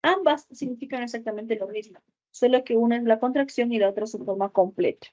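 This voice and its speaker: A woman teaching an English grammar lesson, explaining step by step and often checking with a quick "ok?". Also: fairly high pitch, dark tone, rough recording. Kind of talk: recorded school lesson.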